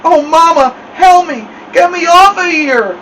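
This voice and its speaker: A man's voice: fairly high pitch, animated, slow pace, a bit bright, recorded from a distance, a little hiss or hum, voice pushed up, low-quality recording. A man reading aloud, voicing a young boy whose lips are frozen, crying and mumbling his words. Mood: panicked. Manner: wailing, mumbled pleas.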